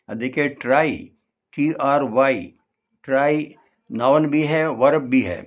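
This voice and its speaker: A man's voice: mid-range voice, highs cut off. A man teaching an English lesson, spelling words out letter by letter and explaining them in Urdu. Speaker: English tutor. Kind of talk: classroom lesson.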